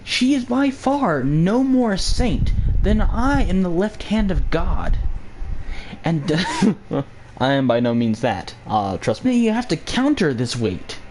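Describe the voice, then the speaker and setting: A young man talks straight into his home mic, rambling through a sarcastic rant. His voice sits a little high and leaps around in pitch. A faint background noise runs under it. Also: darkish tone. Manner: rambling, sarcastic, jokey asides. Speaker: vlog host. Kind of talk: casual political rant.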